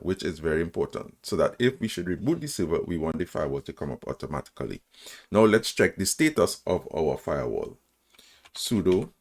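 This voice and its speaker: A man's voice: low-pitched, a little mellow. A man presenting a screen-recorded coding tutorial, talking through each command step by step, spelling them out and checking in with "right?" as he goes. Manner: frequent "right?" checks and small self-corrections.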